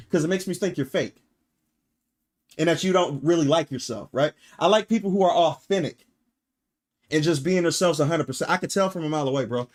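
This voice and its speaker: Blunt, profane streamer man ranting. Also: on the high side. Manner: blunt, emphatic, profane, rhetorical "right?" tags. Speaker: streamer reacting and reading chat. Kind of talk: casual livestream rant.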